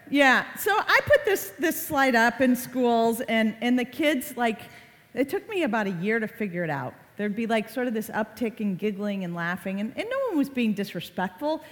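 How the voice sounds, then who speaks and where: Brief: woman in her forties, child safety presenter, chatty and animated with a slightly high voice, recorded in a hall with long reverb. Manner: lively, conversational, acts out quoted family exchanges. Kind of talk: live presentation to parents and kids.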